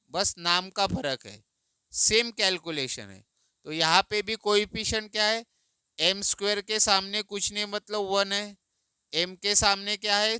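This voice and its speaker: A man teaching math in Hindi, explaining slowly and patiently, asking and answering his own questions. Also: high voice, pushed and bright, clean tone, dry recording, clean studio sound.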